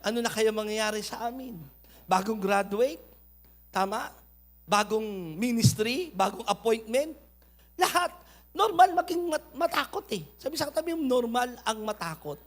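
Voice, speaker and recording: A man preaching a sermon, swinging between loud urging and quiet asides. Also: very high voice, lively intonation, moderate pace. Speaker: pastor.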